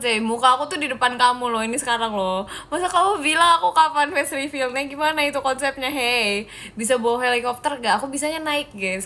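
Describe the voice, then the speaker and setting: In a casual live-stream chat, a young woman reads viewer comments aloud, teasing and giggling as she calls them "guys." Her voice is a little high and fairly bright.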